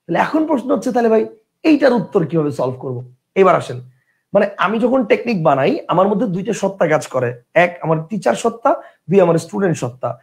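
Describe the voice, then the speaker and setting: A male teacher gives a classroom lecture in a high-pitched voice. A gravelly fry runs under his words, and he keeps asking the class questions to check they follow. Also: fairly quick. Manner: asks the class questions in a lively way. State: tired from a long day of teaching.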